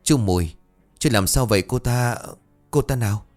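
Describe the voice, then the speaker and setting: A man's voice: mid-range voice, normal speed, darkish tone, soft background music, lightly acted. A man voicing a nosy, teasing middle-aged village woman, raising his voice a little for her in a ghost story. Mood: teasing, puzzled. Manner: teasing, prying.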